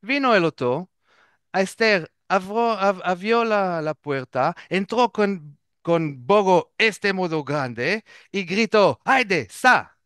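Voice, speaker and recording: Guy telling stories, keeps searching for words, smooth clear voice. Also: sits high, animated, a bit bright, no room sound, studio quality. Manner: halting, searches for words, restarts often. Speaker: guest. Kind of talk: casual storytelling.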